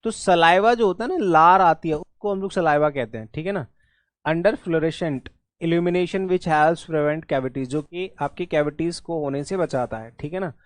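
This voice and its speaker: A man's voice: a little high, animated, fairly quick, few pauses, no room sound. A man teaching an exam-prep English spelling lesson in Hindi mixed with English words, often checking in with his students.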